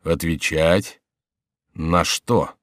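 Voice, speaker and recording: A man's voice: on the low side, lively intonation, a little slow, no echo, studio quality. A man reading as a frightened, pleading monk. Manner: pleading, evasive. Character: frightened stout male monk, easygoing.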